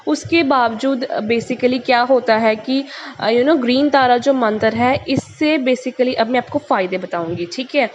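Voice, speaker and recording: A young woman hosting her own channel, talking in a relaxed, chatty way about a mantra, with lots of casual English fillers. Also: a little high, unhurried. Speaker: tarot channel host. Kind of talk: casual spiritual talk. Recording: muffled lo-fi recording with faint hiss.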